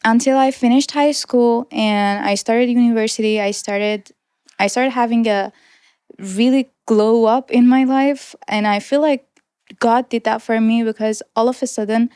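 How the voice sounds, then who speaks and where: Her voice sits a little high, with a steady tone, a slightly slow pace and a slightly mellow, smooth quality, captured in a dry, clean studio recording. She is a young Iranian woman in her twenties, Persian being her first language, telling her personal story in conversation as an interview guest. She comes across as earnest and reflective, with small restarts and light laughs.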